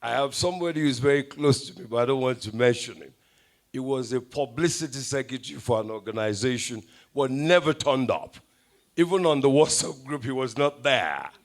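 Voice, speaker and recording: A man from Nigeria addresses an event audience in a speech of average pitch. He talks in a wry, anecdotal way and now and then slips into Pidgin asides. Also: animated, fairly quick. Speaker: event speaker. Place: event hall.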